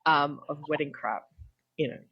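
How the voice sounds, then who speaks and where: Young Australian woman, low-ish voice, chatty guest on dull lo-fi call audio, lots of fillers. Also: moderate pace, a crowd in the background. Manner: chatty, laughing, frequent "um" and "like". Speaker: podcast guest. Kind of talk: casual chat. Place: home room. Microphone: video call.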